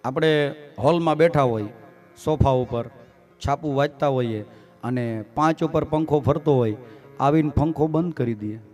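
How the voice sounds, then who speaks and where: A man's voice: fairly high pitch, normal speed, darkish tone. A man telling a sacred story to a live gathering, folksy and humorous. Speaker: scripture storyteller. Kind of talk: devotional storytelling discourse. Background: faint instrumental music.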